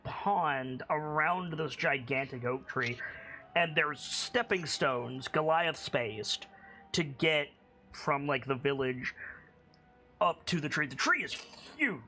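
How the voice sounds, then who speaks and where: A man narrating a tabletop game as game master, improvising scenes in a halting way as he searches for words. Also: on the high side, pushed and bright, soft background music.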